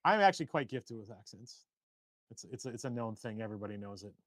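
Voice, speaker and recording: A man co-hosting a casual live stream from a shed workshop, talking in long rambling, animated stories. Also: on the low side, fast talker, no room sound. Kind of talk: casual chat.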